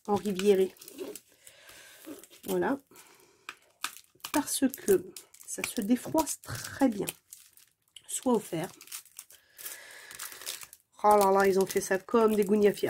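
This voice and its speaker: A woman's voice: mid-range voice, dark tone, a little hiss or hum. A woman chatting casually to her viewers while unboxing a craft kit at home, exclaiming often and joking about herself. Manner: chatty and exclamatory, many fillers; playful, self-mocking. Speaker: diamond painting vlogger.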